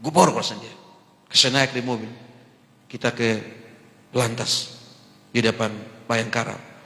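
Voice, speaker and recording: A man's voice: medium pitch, unhurried. A man, a pastor with a Kupang Malay accent, preaching a sermon and telling a story, acting out the voices of the people in it. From Eastern Indonesia. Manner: animated, acts out voices in anecdotes. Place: large church hall. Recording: echoey church hall with long reverb.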